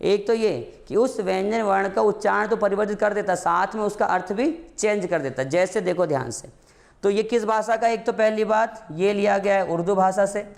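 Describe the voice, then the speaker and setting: A man with a high, gravelly voice speaking at normal speed leads an exam-prep grammar class. He calls his students "beta," asks and then answers his own questions, and keeps repeating the essentials.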